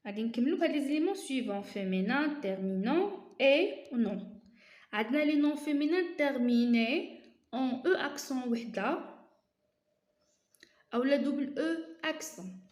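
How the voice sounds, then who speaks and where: Woman teacher, Moroccan accent, patient step-by-step explainer, fairly high voice, roomy echo. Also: animated, moderate pace, darkish tone. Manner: explains step by step, repeating key terms. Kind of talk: explaining a lesson.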